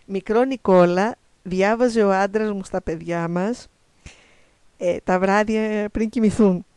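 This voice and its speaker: A middle-aged woman with a Greek accent, reading a children's story aloud for a radio show in a lively, expressive way. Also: mid-range voice, smooth, dry recording. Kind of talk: storybook narration.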